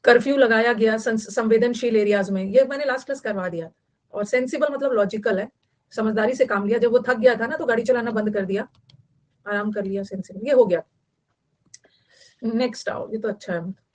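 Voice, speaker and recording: A woman from Bihar, India, teaches vocabulary in a chatty online class, repeating key words so students can take notes. Her voice is on the high side, a little fast, and a little mellow.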